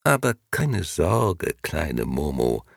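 A man's voice: wildly swooping pitch, slow pace, vocal fry, dry recording, studio quality, exaggerated voice. A man voicing a cold, disembodied menacing voice that coaxes and threatens by turns. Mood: coaxing. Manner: coaxing, then shrill and commanding.

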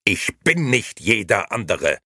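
Brief: narrator doing a nerve-shot, yelling young man, strained and high, dry storybook read. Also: sing-song, moderate pace, creaky, husky, dry recording, exaggerated voice. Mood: angry. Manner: shouting, desperate, exasperated. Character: frazzled, hot-tempered young man at the end of his nerves.

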